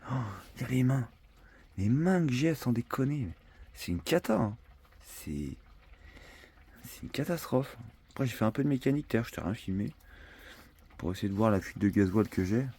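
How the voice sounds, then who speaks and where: A man chatting casually for a vlog in a slangy, joking, expressive way. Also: medium pitch, moderate pace, pauses often, slightly rough. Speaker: vlogger living in a camper truck.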